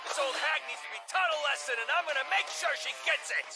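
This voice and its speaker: A man voicing a loud, hot-headed young man in an anime dub, shouting crude complaints. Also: very high voice, quick pace, creaky. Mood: furious. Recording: score music underneath.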